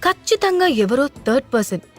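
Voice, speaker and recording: A woman's voice: sits high, sing-song, brisk, soft background music. A woman voicing a teasing, mocking younger sister in an audio drama.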